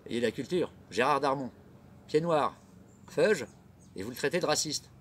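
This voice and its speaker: A man's voice: mid-range voice, normal speed, a bit bright, a little hiss or hum. A middle-aged man hosting his own comedy web show, rambling through a theatrical monologue full of rhetorical questions. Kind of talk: casual monologue.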